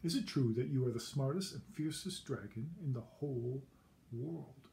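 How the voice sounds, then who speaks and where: A man's voice: medium pitch, moderate pace, vocal fry, mellow, slight background noise, lightly acted. A man voicing a clever, bold young princess in a read-aloud picture book, eager and emphatic. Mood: coaxing.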